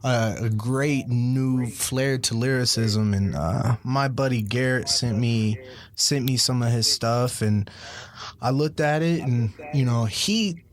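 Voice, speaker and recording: A man's voice: medium pitch, slow pace. A man co-hosting a podcast, recommending music in an easygoing, hesitant way with many "uh"s. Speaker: podcast co-host.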